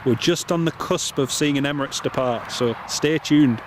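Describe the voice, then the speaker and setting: A man with a Northumbrian accent close to Geordie, chatting casually and warmly to viewers as a live planespotting streamer, often repeating his phrases. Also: medium pitch, moderate pace, noisy background. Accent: Northumbrian, near Geordie. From North East England. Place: outdoors by an airport runway.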